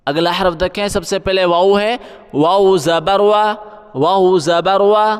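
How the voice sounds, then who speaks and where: High, clear-voiced male Quran teacher. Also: fairly even intonation, big-room sound. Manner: spells syllables aloud, then chants the words slowly; explains rules quickly in a low voice. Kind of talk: teaching Quran reading with tajweed.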